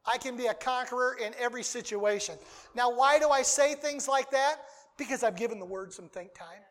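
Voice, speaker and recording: An emphatic preacher in mid-sermon, reading scripture passages aloud. The delivery leans on repetition, circling back to the same phrases to press each point home. The voice sits at an ordinary middle pitch. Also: fairly quick.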